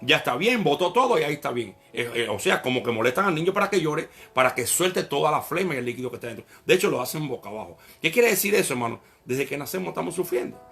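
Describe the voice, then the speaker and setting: A man preaching a sermon in an animated way, often addressing the listener as brother. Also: a little high, fast talker, creaky, hardly any pauses, faint music behind.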